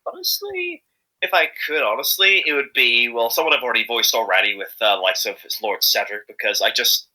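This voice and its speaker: An Irish man, an amateur fandub voice actor, chats casually as an interview guest, hesitant and rambling but enthusiastic. His mid-range voice sounds pushed and bright, and the recording is low quality.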